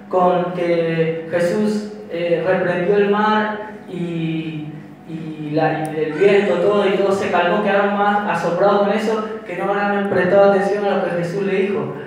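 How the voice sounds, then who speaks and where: In a small church hall, a young man with a high voice and a Paraguayan Spanish accent delivers a sermon with prayer, holding a mic at the pulpit and frequently starting his phrases over as he explains. The distant recording is very echoey, with slight background noise.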